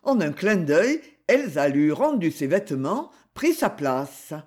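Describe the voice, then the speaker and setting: A woman narrates a story aloud in a measured, expressive voice. Her pitch moves a lot, giving the reading a lively shape. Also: slightly rough. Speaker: audiobook narrator. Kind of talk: audiobook narration.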